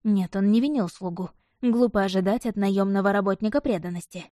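A woman reads a fantasy story aloud with measured, even pacing. Her voice is dark and mellow, and the recording is dry and close, with no room sound. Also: medium pitch, dry recording. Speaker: audiobook narrator. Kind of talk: scripted fantasy narration.

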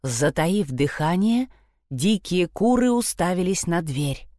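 Woman narrator, lively storybook read, dry close studio sound. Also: lowish voice, slow pace, no room sound. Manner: expressive storytelling. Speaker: audiobook narrator. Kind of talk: scripted narration.

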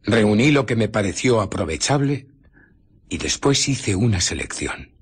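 A man with a Castilian Spanish accent playing an arrogant, amoral scientist who justifies himself in a radio drama, in a theatrical, deliberate storytelling manner. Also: on the low side, big pitch swings, husky, full character voice. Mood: brooding, recounting. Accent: Spain.

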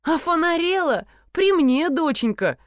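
A woman voicing a brash, crude, squabbling rich blonde woman who talks in loud, shrill, slangy outbursts. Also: big pitch swings, unhurried, dry recording, studio quality. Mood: scoffing.

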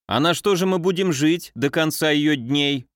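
A man's voice: fairly high pitch, moderate pace, no echo, studio quality, close to an everyday voice. A man voicing a hesitant, irritable count who grumbles. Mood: irritated.

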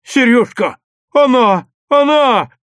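A man reading a story aloud, voicing an excitable, pushy young boy who shouts eagerly. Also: high voice, normal speed, dry recording, clean studio sound, pitched above the performer's own voice. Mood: excited. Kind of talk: audiobook reading.

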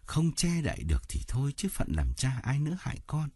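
A man plays a flustered, evasive father in an audiobook story, stammering through his excuses. His voice is low and husky, with wide swings in pitch. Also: wildly swooping pitch, fairly quick, mellow, dry recording. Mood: defensive, flustered. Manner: stammering, defensive.

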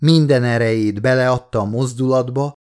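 A man reads an audiobook aloud in a measured, steady way. His voice sits at an ordinary middle pitch. His reading lifts as the story gets tense. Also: smooth. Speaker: audiobook narrator. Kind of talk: scripted narration.

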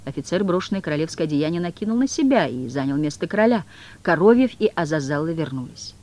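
A woman narrating an audiobook in an expressive, dramatic reading style. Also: deep voice, fast. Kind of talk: scripted literary narration.

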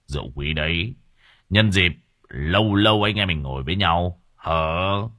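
A man's voice: low voice, normal speed, pushed and bright, no echo, studio quality. A man voicing a boastful old male village drunk. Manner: coarse boasting, then panicked wailing.

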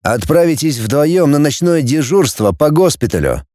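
A man's voice: on the high side, big pitch swings, normal speed, mellow, no room sound, studio quality. A man voicing a cold, haughty middle-aged male professor who speaks in an icy, superior, formal way.

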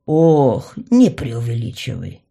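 A woman's voice: very deep voice, sing-song, slow, vocal fry, mellow, pitched below the performer's own voice, heavily acted. A woman voicing a sly, mocking young male mage who drawls and teases. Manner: drawling, teasing.

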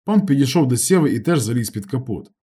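A man reads a novel aloud in steady first-person narration. His voice is husky and dark, and his pitch moves in a lively way. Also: quick pace. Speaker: audiobook narrator.

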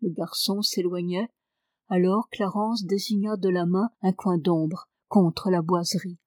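A woman reading a novel aloud in measured, steady narration. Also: on the low side, no echo. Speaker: audiobook reader.

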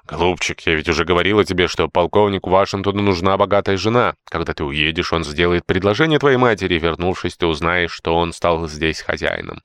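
A fussy, indignant old nanny-housekeeper from an audiobook scolds and pleads in a high, shrill way, as a male narrator puts her on. The sound is dry and close, with no room around it. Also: fairly quick, few pauses, fairly bright tone, clean tone, no echo.

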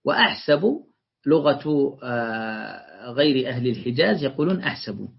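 A man with a fairly high, husky voice gives a classroom lecture on Quran interpretation. He reads classical passages aloud, then breaks them down step by step and keeps checking that his students follow. The recording is dull and lo-fi. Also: lively intonation, normal speed. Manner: explains step by step and often checks that listeners follow. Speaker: teacher commenting on a tafsir text.

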